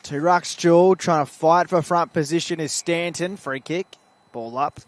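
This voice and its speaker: A man's voice: on the high side, steady tone, moderate pace. Chatty Australian man calling football. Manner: chatty, lifts when play heats up. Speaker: play-by-play commentator. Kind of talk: amateur football commentary. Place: at a suburban football ground.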